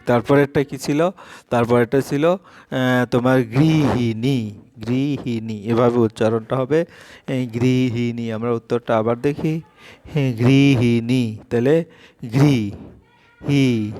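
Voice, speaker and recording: A man with a Bengali accent teaching an exam-prep lesson, reading out answers slowly with many hesitant fillers. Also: mid-range voice, a little mellow, no room sound.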